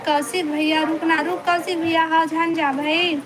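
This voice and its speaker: A woman's voice: extremely high pitch, level tone, normal speed, a crowd in the background. A woman with a Chhattisgarhi accent, chatting on a phone live stream, greeting viewers by name and coaxing them to stay. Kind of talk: casual live chat reading viewer comments. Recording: noisy live-stream audio.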